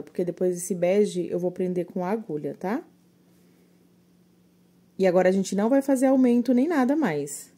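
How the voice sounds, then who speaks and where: A woman's voice: on the low side, dark tone. A woman teaching crochet step by step, patiently counting stitches aloud and a little short of breath.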